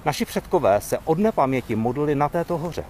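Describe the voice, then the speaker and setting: A man's voice: fairly high pitch, very animated, a little mellow, slight background noise, voice pushed up. A man reading the lines of a skeptical village woman from scripture in a questioning, earnest way.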